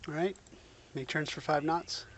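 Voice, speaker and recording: A man's voice: on the high side, fairly even intonation, normal speed, a little hiss or hum. A man streaming a game, giving casual commentary mixed with spoken commands.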